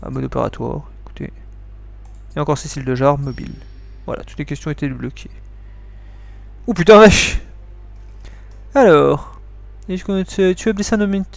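A man's voice: on the high side, moderate pace, gravelly, pauses often. A man reading game text aloud and chatting casually over his playthrough, swearing at his slip-ups. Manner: chatty, swears when he slips up. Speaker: let's play host.

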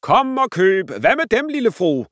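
A man's voice: fairly low pitch, lively intonation, no room sound, studio quality, lightly acted. A man voicing a playful father in a storybook, teasing and showy. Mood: hawking.

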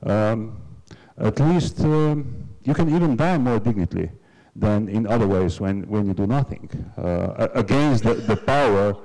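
Low mellow Slovenian-accented moderator. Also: male voice, expressive, a little slow, few pauses. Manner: hesitant, many fillers. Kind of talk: panel moderation. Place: lecture hall panel. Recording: long hall reverb.

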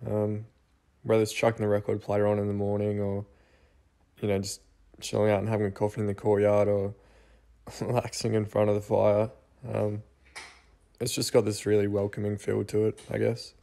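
A young Australian man giving a relaxed, self-deprecating voice-over walkthrough of his renovated house. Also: on the low side, moderate pace, creaky. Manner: laid-back, self-deprecating. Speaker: home renovation vlogger. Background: soft guitar music.

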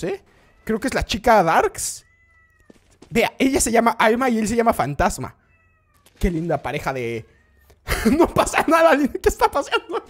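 A live gaming streamer commentating excitedly, often shrieking at the game and constantly talking to the chat. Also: mid-range voice.

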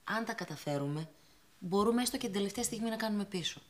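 An actress playing a calm woman who talks a man through a plan about his divorce. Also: mid-range voice, lightly acted. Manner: calm, persuasive. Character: calm scheming woman advising a friend. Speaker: actor in a TV comedy series. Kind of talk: sitcom acting.

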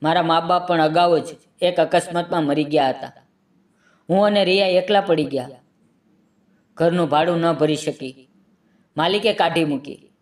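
A man's voice: a little high, normal speed, pauses often, recorded from a distance. A man reading a scripted emotional story aloud in the first person, with earnest, dramatic delivery.

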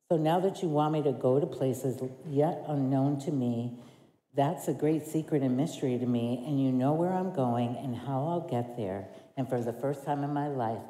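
A middle-aged woman with a low voice tells her story from the front of a church, candid and quick to laugh as she acts out old conversations. Her voice rings through a roomy sanctuary and trails off in long reverb. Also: dark tone. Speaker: women's ministry director. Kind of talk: testimony sermon. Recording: echoey church hall.

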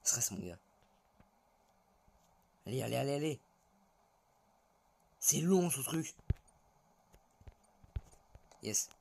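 A young man giving jittery, excitable commentary while playing a horror game, swearing when startled. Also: medium pitch, takes it slowly, vocal fry, pauses often, slight background noise. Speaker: gaming YouTuber. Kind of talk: live gameplay commentary.

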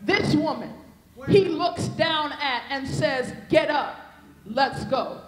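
Speaking slowly and expressively in a high voice, a young woman delivers a sermon into a handheld mic. She stands on a convention hall stage with a podium, her cadence rhythmic and repetitive, with echo from the hall.

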